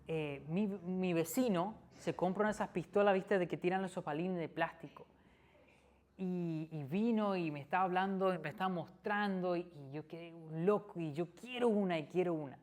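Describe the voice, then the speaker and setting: A man preaching in a conversational sermon, often checking in with the listener through tag questions and pausing with fillers. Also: on the high side. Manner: frequent tag questions, hesitant fillers and restarts.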